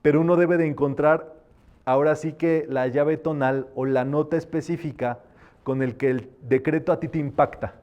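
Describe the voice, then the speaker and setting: Man teaching a metaphysics class, slightly high voice. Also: steady tone, moderate pace, darkish tone, lo-fi sound. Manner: explains patiently, then demonstrates chanting affirmations. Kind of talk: live class lecture.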